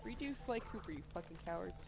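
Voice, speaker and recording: Playful woman with a lively, gravelly voice. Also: lowish voice, fast. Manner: playful and teasing, jumps between joking and outbursts. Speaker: let's play co-host. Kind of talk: casual gameplay banter. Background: faint game music.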